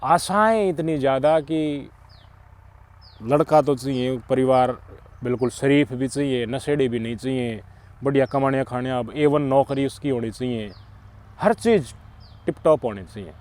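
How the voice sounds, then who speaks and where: On his channel, a middle-aged Haryanvi-accented man delivers preachy, forceful commentary on social matters, bouncing between loud outbursts and muttered side remarks. He speaks at a medium pitch and a little slowly.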